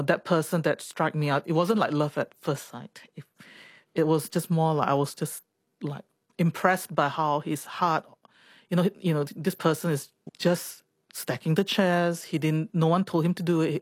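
A woman's voice: deep voice, no echo, studio quality. Chatty woman in her forties. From Singapore. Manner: chatty, reflective, laughs often, repeats words. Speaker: interviewee, doctor. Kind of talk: reflective personal storytelling.

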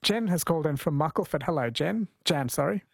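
A man presenting a live radio talk show in a conversational, reflective manner. His voice sits on the high side for a man and is recorded dry and close in a studio. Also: lively intonation, a little fast, creaky, husky, no echo. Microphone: studio microphone.

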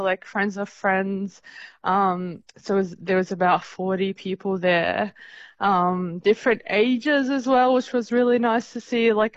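A woman's voice: mid-range voice, dry recording. A young woman from the Middle East speaking in a radio interview, earnest and hesitant with many fillers. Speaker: interview guest, fundraiser organiser. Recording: dull lo-fi sound.

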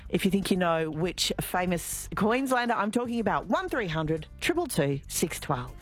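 An Australian woman hosting a talkback radio show, chatty and lively, reading out clues slowly and carefully. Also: fairly low pitch, over music. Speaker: radio host. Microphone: studio microphone.

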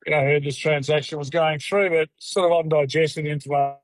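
A man talking over a patchy phone line from his car. He speaks haltingly, repeating words and using many fillers, as a guest on a radio interview. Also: a little high, level tone, no room sound. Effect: phone call from a moving car, dropping reception. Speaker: live cattle exporter, phone-in guest.

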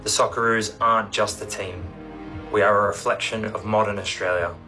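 A man makes proud, declarative statements in a bright but lowish voice. The delivery is flat, with faint music underneath. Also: normal speed, gravelly. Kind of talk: promotional video testimony.

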